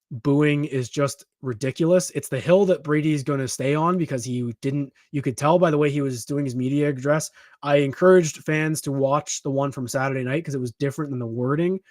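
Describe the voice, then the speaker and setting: A man co-hosting a sports podcast, talking in an emphatic, animated way with frequent restarts. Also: a little high, normal speed, no echo, clean studio sound. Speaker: podcast co-host. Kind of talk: casual sports talk.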